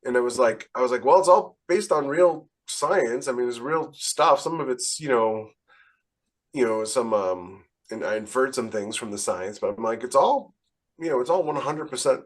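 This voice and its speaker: Animated and at normal speed, this mid-range male voice belongs to a podcast host who served in the military. He tells anecdotes casually, wandering off and restarting phrases as he goes.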